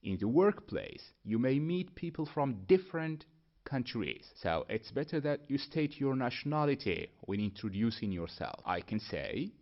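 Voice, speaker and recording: A man from Morocco, giving a clear, step-by-step English lesson. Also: mid-range voice, sing-song. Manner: clear, deliberate, spells out each step. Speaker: English teacher. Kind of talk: scripted lesson to camera. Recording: dull lo-fi sound.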